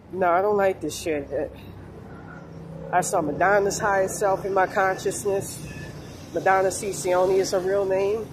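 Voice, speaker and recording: Holding her phone low at arm's length, a woman in her forties with a fairly low voice records a rambling spiritual vlog outdoors on a sunny street. Her talk meanders and halts, full of fillers and curses, over faint street noise and passing cars.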